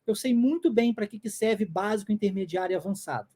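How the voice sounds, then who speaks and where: A man's voice: high-pitched, a little fast, mellow. A man in his forties with a Brazilian Portuguese accent, an English teacher giving an insistent, emphatic video lesson and drilling English phrases by repeating them. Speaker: English teacher and language school founder.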